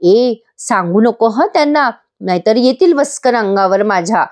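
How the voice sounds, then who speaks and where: A woman voicing a gentle, loving young bride in a voice-over episode recap, speaking softly and affectionately. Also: fairly high pitch, expressive, moderate pace, lightly acted. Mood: tender. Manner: soft, affectionate, pleading. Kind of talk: voice-over recap reading a character's lines.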